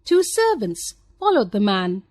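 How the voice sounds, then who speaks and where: A woman with an Indian English accent reading a textbook story aloud in a clear, expressive, measured way. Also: mid-range voice, no room sound. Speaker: textbook audio narrator.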